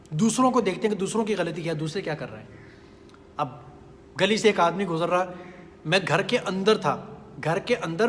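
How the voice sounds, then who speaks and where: A man's voice: fairly high pitch, long reverb tail, a little hiss or hum. A man giving a humorous sermon, telling stories and asking his listeners rhetorical questions. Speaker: preacher.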